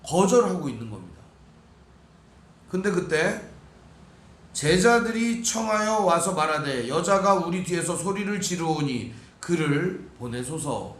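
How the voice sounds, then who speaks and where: A middle-aged male pastor with a high voice preaches a sermon in an echoey church sanctuary. He keeps turning to the congregation with questions. Now and then he slips into acting out the people in the text. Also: lively intonation, measured pace. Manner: acts out biblical speakers in quoted voices, shouting their pleas. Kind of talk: expository sermon.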